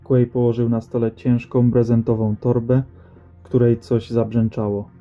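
A man narrating a science-fiction story as an audiobook reader, with a calm, even storytelling delivery. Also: medium pitch, moderate pace. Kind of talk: scripted narration. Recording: slightly dull audio with faint music.

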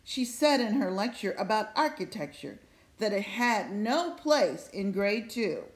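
A woman reading a rhyming children's story aloud with expressive, measured, sing-song delivery. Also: medium pitch. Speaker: storybook reader. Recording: roomy, echoing indoor sound.

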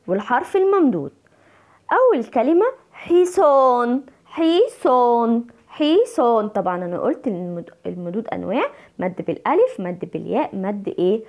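An Egyptian woman teaches a class of small children, drawing words out slowly and asking questions she then answers herself. Her voice sits fairly high and swoops lively, with a warm mellow tone. The recording sounds dull and lo-fi. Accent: Egyptian Arabic. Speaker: primary school Arabic teacher. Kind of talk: online lesson for young children.

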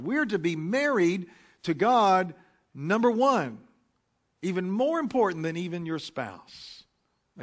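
A man preaching a relaxed, anecdotal sermon into a pulpit microphone, pausing often with fillers. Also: on the high side. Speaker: pastor. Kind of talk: conversational sermon. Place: church sanctuary.

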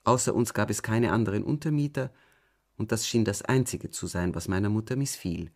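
A man narrating an audiobook in a calm, measured way, often going soft at the ends of phrases. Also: lowish voice. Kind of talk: scripted narration.

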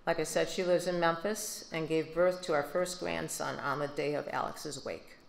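An older woman with a Midwestern American accent, giving a steady, subdued prepared speech at a podium into a handheld mic. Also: low-pitched, moderate pace, creaky, a little hiss or hum. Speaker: grieving mother giving a speech. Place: large banquet hall. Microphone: handheld microphone. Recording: echoey banquet hall.

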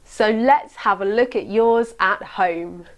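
A young woman leading a children's church video, talking brightly to children at home. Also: mid-range voice, slow pace. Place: indoors, plain wall.

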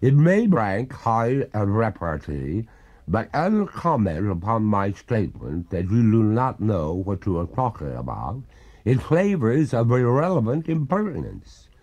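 A man voicing a haughty female water ghost, two hundred years dead, speaking in a slow, gurgling, reproachful way. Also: on the low side, sing-song, darkish tone, highs cut off, full character voice. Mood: indignant. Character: haughty drowned maiden ghost, two centuries old.

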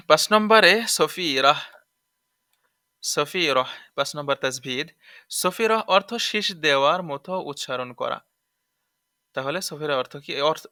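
A man teaching a tajweed lesson for Quran recitation, explaining rules briskly and then sounding out letters slowly and with emphasis. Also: a little high, bright, forceful tone, clear, resonant tone, dry recording, studio quality.

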